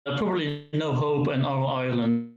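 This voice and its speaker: A man, an esports player, answering post-match interview questions over a call, his voice echoing as if in a cave, halting and repeating words. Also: medium pitch, dull audio. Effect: echoey cave-like sound on his voice. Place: living room. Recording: roomy echo over an online call.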